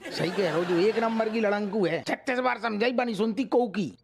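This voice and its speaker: A man's voice: high-pitched, normal speed, gravelly, slightly rough, heavily acted. An actor playing a blustering, henpecked police constable who grumbles about his wife and father-in-law. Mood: grumbling. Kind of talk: sitcom acting.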